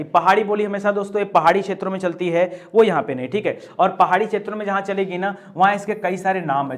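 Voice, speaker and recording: A male Hindi grammar teacher working through an exam quiz, repeating each answer and checking in with the class again and again. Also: high-pitched. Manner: drills answers with repeated "ठीक है?" and "दोस्तों". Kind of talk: exam prep lesson.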